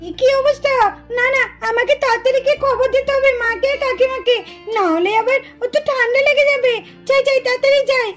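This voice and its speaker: A woman's voice: extremely high pitch, brisk. Woman doing a fretting tattletale girl doll. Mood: worried. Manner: anxious, fretting.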